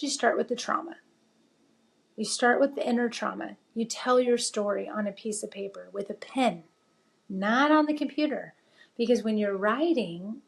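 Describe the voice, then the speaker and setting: A middle-aged woman from the United States telling her life story as an interview guest, lively and animated, acting out the voices she quotes. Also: a little high, vocal fry. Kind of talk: personal storytelling.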